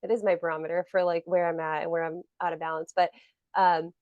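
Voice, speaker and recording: A woman's voice: lowish voice, flat delivery, fast, no echo, muffled recording. A woman co-hosting a podcast in casual chat, rambling with lots of "like" fillers. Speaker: podcast co-host.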